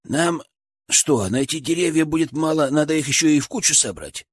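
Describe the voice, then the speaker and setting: A man voicing a sleepy, skeptical young man in an audiobook, mumbling low with a husky voice. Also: lively intonation, normal speed. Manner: low mumbling through clenched teeth.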